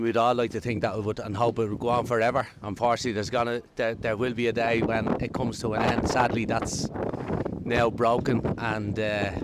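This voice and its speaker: A man in his fifties talking in a street interview outside a shop. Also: medium pitch. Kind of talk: street vox pop interview. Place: outdoors at a shop entrance. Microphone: handheld interviewer's microphone. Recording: clear street traffic noise behind.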